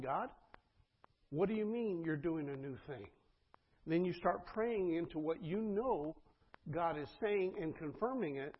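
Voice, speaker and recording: A man's voice: on the high side, muffled recording. A man preaching a sermon as pastor, earnest and conversational, often turning to the congregation with asides.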